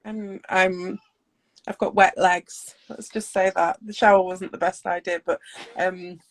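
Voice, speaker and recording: A woman's voice: fairly low pitch, fairly even intonation, measured pace. A woman hosting a casual video call interview, chatty and giggly with lots of fillers. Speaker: host.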